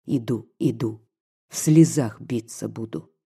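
A man's voice: medium pitch, unhurried, vocal fry, mellow, breathy edge, pitched below the performer's own voice, exaggerated voice. A man reading aloud as a desperate woman who speaks bitterly and pleads feverishly. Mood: despairing. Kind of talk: audiobook reading.

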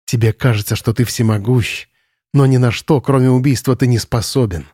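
Man reading a soft-spoken captive young woman, calm and defiant, quiet steady voice. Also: mid-range voice, moderate pace, husky, dry recording, studio quality, lightly acted. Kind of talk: audiobook character reading.

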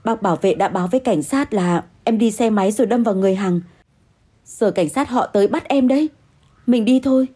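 A woman voicing a protective young man who soothes and urges in an even tone. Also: mid-range voice, a little fast, breathy edge, natural voice.

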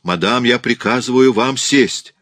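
A frightened man shouting urgent, pleading commands, read by a male audiobook narrator. His low voice is forced loud and tight, recorded dry and close. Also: a little fast, breathy edge, dry recording, heavily acted. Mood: panicked. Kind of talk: audiobook character voice.

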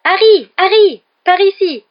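A woman voicing an eager, bright schoolgirl witch in an audiobook reading. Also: fairly high pitch, a little fast, lo-fi sound, pitched above the performer's own voice, natural voice.

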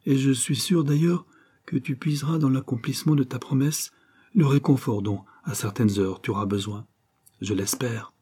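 A man's voice: mid-range voice, moderate pace, breathy edge, pitched above the performer's own voice, close to an everyday voice. A man voicing an affectionate younger brother who speaks reassuringly in a storybook reading. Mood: encouraging. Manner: warm and reassuring. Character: tender, admiring younger brother, encouraging.

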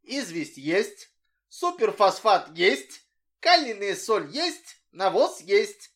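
A man voicing an excitable, bustling schoolboy who shouts and boasts breathlessly in an audiobook. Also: high-pitched, unhurried, voice pushed up, heavily acted. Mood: excited.

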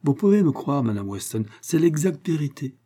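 A man voicing Emma, a lively, composed young woman, with a dark, husky voice. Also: a little high, moderate pace, voice pushed up. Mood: earnest.

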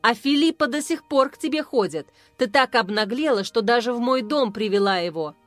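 A bitter, jealous young count hurls accusations in a read-aloud story, spoken by a woman in her own fairly high voice. His lines come curt and cutting. Soft music runs behind. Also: animated, brisk, no echo, natural voice.

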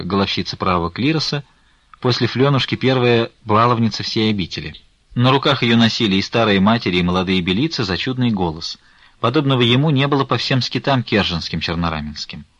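Expressive male audiobook narrator. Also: medium pitch, no room sound, dull audio. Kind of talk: scripted narration of a classic novel.

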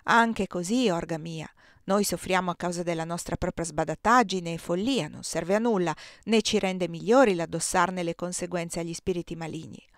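A woman reading the lines of a gentle, pious mother in an audiobook. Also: fairly low pitch, moderate pace, no room sound, studio quality, close to an everyday voice. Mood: tender.

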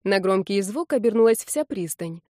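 A woman narrates a first-person fantasy story in a lively, wry way. Her tone is mellow and dark, recorded dry and close with no room sound. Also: mid-range voice, normal speed, dry recording.

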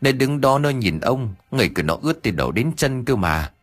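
A man's voice: medium pitch, big pitch swings, a little fast, no echo, voice pushed up. A man voicing a distraught middle-aged mother who pleads tearfully.

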